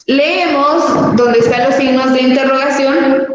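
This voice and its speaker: A woman teacher walks through a textbook lesson at an unhurried pace, pausing to ask rhetorical questions. Her slightly high voice carries a heavy echo and long reverb, with a faint hiss underneath. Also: highs cut off. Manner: patient, explanatory, asks rhetorical questions. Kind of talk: classroom lesson reading from a textbook. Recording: echoey room with long reverb and faint noise.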